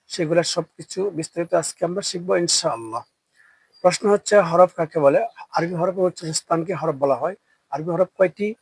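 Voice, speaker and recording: A man's voice: a little high, slightly rough, dry recording, poor audio. A man with a Bangladeshi Bengali accent teaching Quran reading. He draws out each letter name for his students to repeat. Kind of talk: recitation lesson with call-and-repeat.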